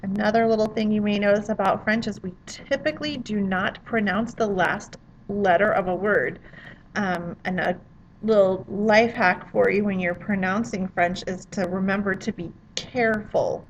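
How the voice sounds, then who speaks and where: A woman's voice: medium pitch, fairly even intonation, normal speed, a little hiss or hum, poor audio. A woman French teacher giving a friendly, chatty pronunciation lesson to students.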